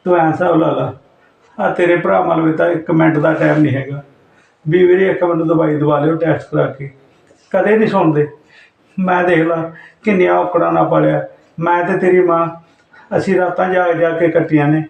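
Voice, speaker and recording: An actor playing an ailing elderly father who gently comforts his returning daughter. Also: a little high, fairly even intonation, brisk, creaky, dull audio. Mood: comforting. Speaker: father character. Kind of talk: Punjabi short-film acting. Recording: roomy echo, mic at a distance.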